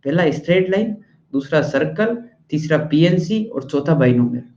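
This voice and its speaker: Male classroom teacher, chatty and blunt, checks in constantly; mellow voice, muffled lo-fi recording. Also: on the high side, expressive, normal speed. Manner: chatty, keeps asking "okay?" after each point; scolds the class bluntly at times. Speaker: math and physics teacher. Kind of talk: classroom lecture in Hindi-English mix. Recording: echoey room, dull lo-fi sound.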